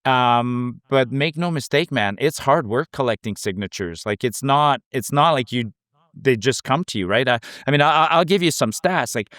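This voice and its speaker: Male guest storyteller, animated, many restarts, smooth clear voice, dry close sound. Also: medium pitch, moderate pace, no echo. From Canada. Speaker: guest petition canvasser. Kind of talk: casual storytelling. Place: rural Alberta.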